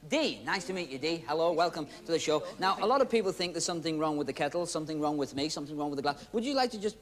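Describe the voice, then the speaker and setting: A man's voice: on the high side, lively intonation, very fast. A man hosting a magic show, chatting and teasing through stage patter before a studio audience. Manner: chatty, teasing, playful asides. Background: audience noise and laughter.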